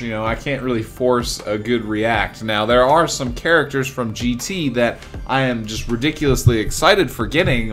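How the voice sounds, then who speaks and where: A man's voice: medium pitch, fairly bright tone. A young man hosting a gaming video, chatting casually and rambling with fillers. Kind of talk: casual commentary on game news.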